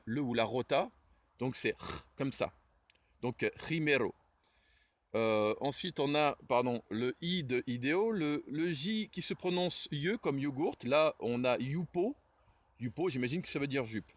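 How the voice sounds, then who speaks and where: A man's voice: medium pitch, a bit bright, no echo. A man giving a casual spoken lesson on a language's alphabet, hesitant, with many fillers and self-corrections, shivering a little in the cold. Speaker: Esperanto enthusiast presenting the alphabet. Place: outdoors in the cold.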